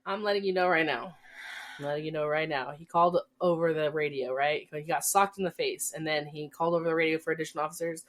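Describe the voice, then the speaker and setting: Woman podcast co-host, animated storyteller, casual and profane. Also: sits low, fast talker. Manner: animated storytelling, swears freely, laughs often. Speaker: podcast co-host, former corrections officer. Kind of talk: casual chat.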